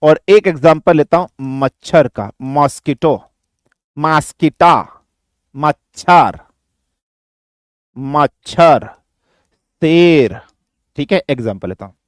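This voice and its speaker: Man, high voice, physics teacher, mix, question-and-answer lecture, dry close sound. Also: animated, takes it slowly, no echo. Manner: addresses students as beta, asks and answers own questions. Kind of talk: classroom lecture.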